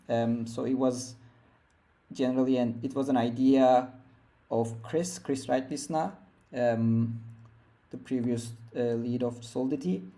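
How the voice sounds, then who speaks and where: Warm in tone and medium in pitch, this young man from Turkey is a developer being interviewed on a podcast from his home. His speech is halting, full of fillers and false starts.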